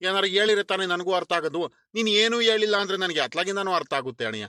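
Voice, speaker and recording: A man's voice: high voice, lively intonation, fast, pushed and bright, no echo, clean studio sound. A man voicing a well-meaning village landlord who coaxes his elder brother with pleading questions. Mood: coaxing. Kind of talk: animated cartoon voice acting.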